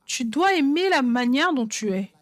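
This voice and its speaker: A woman preaches a sermon in a fairly high voice. She drives her points home by repeating phrases again and again, and the sound is dry and close. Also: lively intonation, moderate pace, dry recording. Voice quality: songwriter speaking of her own songs. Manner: emphatic, repeats phrases for stress.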